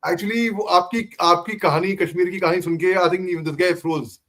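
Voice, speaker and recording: A man's voice: high-pitched, fairly even intonation, rapid-fire, fairly bright tone, slight background noise. A man with an Indian English accent interviewing casually, often repeating words and slipping into Hindi.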